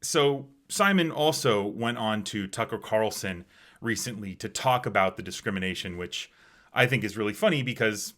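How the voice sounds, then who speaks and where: A man's voice: fairly low pitch, normal speed, a bit bright. A man giving opinion commentary as a political pundit, scornful and emphatic.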